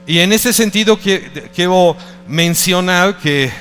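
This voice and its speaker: A middle-aged man with an Italian accent gives a conference presentation in a reverberant hall, a faint bed of music underneath. His voice sits slightly high, and he speaks haltingly, often breaking off to rephrase and search for the right word. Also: a bit bright. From Italy. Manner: hesitant, searching for words with many restarts. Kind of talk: presentation talk.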